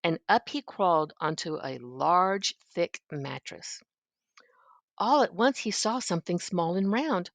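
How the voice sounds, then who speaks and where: An older woman reads a children's story in a gentle grandmotherly way. Her voice sits low with plenty of creak, and she tells it expressively. The sound is dry, with no room around it. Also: expressive, unhurried, no room sound. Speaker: storybook reader.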